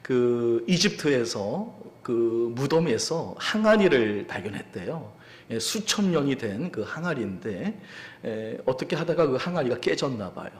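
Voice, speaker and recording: A male pastor giving a Sunday sermon, moving from a relaxed, anecdotal tone to emphatic preaching. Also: medium pitch, measured pace. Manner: conversational, builds to emphatic preaching.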